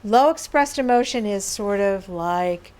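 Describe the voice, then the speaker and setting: At a measured pace, a woman with an animated, medium-pitched voice, slightly mellow and clean in tone, walks a workshop audience through behaviour management. She explains patiently, using everyday examples and side remarks.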